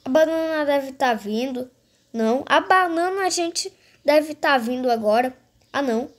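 High-voiced female game streamer. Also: animated, measured pace. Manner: repetitive, addresses viewers directly. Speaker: gaming video host. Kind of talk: casual game commentary.

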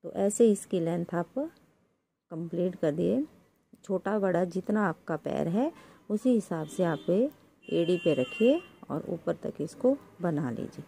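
A woman teaches knitting step by step, talking slowly and patiently and counting each stitch out loud. Her fairly low voice is warm and gravelly. A faint room hum sits behind her. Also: expressive. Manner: addresses viewers as friend. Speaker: knitting tutorial host. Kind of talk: step-by-step craft instruction.

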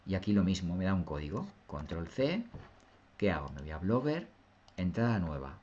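A man, a teacher walking through a software tutorial step by step and often checking that viewers follow. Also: deep voice, sing-song, normal speed, dull audio, slight background noise. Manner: patient, step-by-step, often asks "¿lo veis?". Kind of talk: screen-recorded software tutorial.

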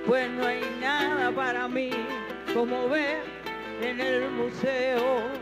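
An older woman singing a folk song live on a concert hall stage into a handheld mic, slow, coaxing the crowd between lines. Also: high voice, little pitch movement, loud music behind the voice. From Cuba. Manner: sings slowly, talks to the crowd between lines. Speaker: folk singer. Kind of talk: live Cuban folk song with guitar orchestra.

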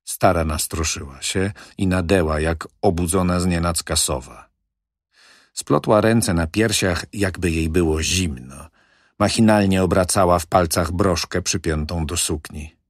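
A man reading an audiobook in a measured, unhurried way. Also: low-pitched, no echo, clean studio sound. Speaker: audiobook reader. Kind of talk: scripted audiobook narration.

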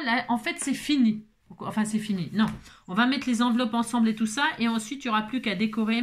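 A woman's voice: on the high side, fairly bright tone. A woman hosting a casual crafting tutorial, out of breath, chatty and full of fillers and repetitions.

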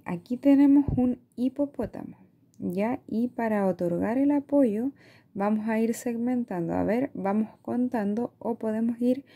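A woman teacher with a Chilean Spanish accent, explaining a reading lesson to parents in a slow, patient way, stretching out words and checking in with "¿ya?". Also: medium pitch, gravelly, warm tone. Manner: asks "¿ya?" often.

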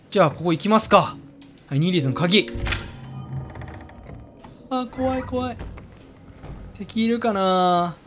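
A man giving jumpy let's play commentary, yelping and squealing whenever something scares him. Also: high-pitched. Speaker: game streamer. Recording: voice over game music.

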